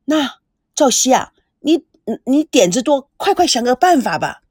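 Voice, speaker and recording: A woman's voice: high voice, very animated, a little mellow, slightly rough, no room sound, clean studio sound, pitched above the performer's own voice, exaggerated voice. A woman voicing a chatty, teasing woman on a film crew who likes to needle her friends. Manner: chatty and teasing, lots of drawn-out particles.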